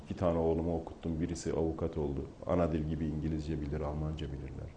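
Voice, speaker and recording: A middle-aged man in a talk show discussion who builds from calm reflection to forceful, rousing speech. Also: rumbling low, racing, a little hiss or hum. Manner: rising to forceful oratory.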